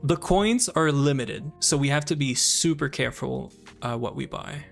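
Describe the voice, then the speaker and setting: A Canadian man talks through his gameplay, planning aloud in a loose, chatty way. His voice has a gravelly edge and sits in a middle pitch. Soft music plays underneath. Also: normal speed. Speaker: streamer. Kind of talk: casual gaming commentary.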